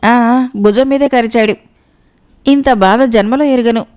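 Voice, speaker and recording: A woman's voice: on the high side, measured pace, darkish tone, clear, resonant tone, lightly acted. Woman doing a wailing, panicky bitten porter. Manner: wailing and moaning in pain.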